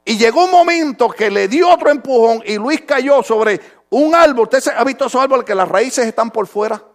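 A man preaching a fervent sermon as pastor, going from quiet talk to shouting and calling his listeners brother. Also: very high voice, lively intonation, normal speed.

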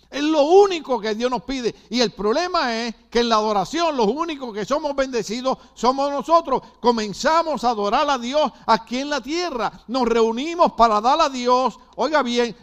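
A man's voice: very high-pitched, a bit bright. An older man from Puerto Rico with a Puerto Rican accent, preaching a sermon with emphatic repetitions and asides to the congregation. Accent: Puerto Rican Spanish. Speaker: pastor.

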